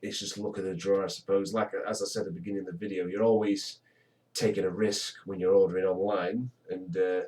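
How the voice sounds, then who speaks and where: A young British man from the UK casually reviews a guitar he bought in a vlog, rambling and hesitant, constantly restarting and correcting himself. His deep voice is level in tone, a little mellow, and a little fast. He sounds a bit far from the mic.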